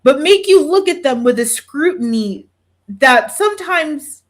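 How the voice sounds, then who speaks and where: A woman's voice: sits high, expressive, measured pace. A woman hosting a podcast in casual chat, swearing freely and poking fun at herself with dramatic exaggeration. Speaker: podcast host.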